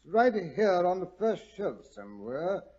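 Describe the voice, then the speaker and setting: An elderly doctor, chatty and genial, with a highish, husky voice. He hems and fusses through his reminiscences in old-fashioned radio-drama style. The recording is a dull 1940s broadcast. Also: very animated, measured pace, darkish tone, full character voice. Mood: fussy, amused. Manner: hemming, fussy, old-fashioned delivery. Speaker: storyteller.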